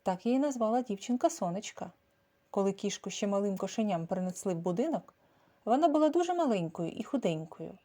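A woman narrating her own children's story. Her voice is mid-pitched and highly lively, swinging up and down in a warm sing-song way. The reading is expressive and measured, made for young listeners.

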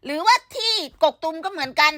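Woman commentator, high bright voice, dry close sound, blunt and scolding. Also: lively intonation, brisk, no echo. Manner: blunt, scolding, rhetorical questions. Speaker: online commentator. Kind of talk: casual gossip commentary.

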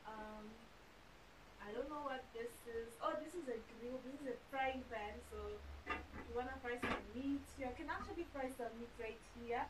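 A woman's voice: fairly high pitch, moderate pace. A young woman vlogger giving an enthusiastic, chatty tour of her small rented room, often addressing viewers as "you guys.". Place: small bedroom and kitchenette, indoors. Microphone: camera on tripod across the room. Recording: distant mic with clear hiss.

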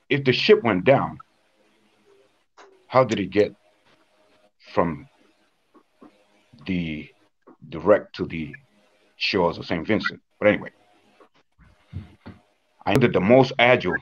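A man's voice: sits low, lively intonation, measured pace, long pauses, highs cut off. A man from Honduras gives a conference talk on a video call, telling history plainly with frequent "uh" and "according to what I understand.". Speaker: invited speaker on Wanaragua dance. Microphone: webcam on video call.

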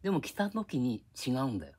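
An older man, reminiscing in a rambling, gruff casual monologue recorded on an iPad. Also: mid-range voice, huge pitch swings, a little fast, darkish tone. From Japan. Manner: reminiscing, drifting between tangents, gruff casual speech. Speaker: vlogger.

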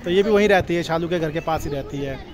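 Here a man in his twenties talks quickly in a voice on the high side, vlogging about his travels as he walks. He films himself with an outstretched phone amid a busy outdoor market and monastery grounds, so crowd and street noise fill the audio.

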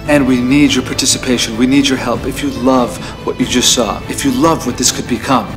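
A man's voice: mid-range voice, steady tone, fairly quick, music in the background. A man from the San Francisco Bay Area making a direct crowdfunding appeal for a series.

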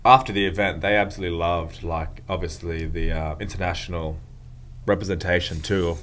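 Low-voiced man as podcast co-host; chimes in with curious questions. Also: fairly even intonation, a little fast, fairly bright tone. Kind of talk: casual chat.

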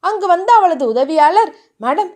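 A woman narrating a romance novel in a steady, even reading voice. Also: high voice, normal speed.

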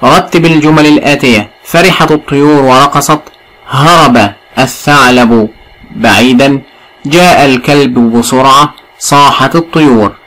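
A man with an Egyptian accent teaching a recorded lesson to young pupils, spelling words out slowly and praising answers often. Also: mid-range voice, fairly bright tone, rough recording. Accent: Egyptian Arabic. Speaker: primary school teacher.

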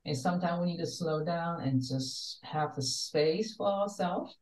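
Older lady on a video call, low voice, earnest, roomy far-off webcam sound. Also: unhurried, darkish tone. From Taiwan. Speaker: guest, wellness coach. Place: home study with bookshelves.

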